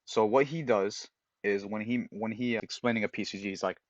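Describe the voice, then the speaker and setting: A man co-hosting a casual podcast, giving direct advice in an animated way and sometimes acting out example voices. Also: on the low side, fairly quick, dry recording, highs cut off. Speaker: podcast co-host.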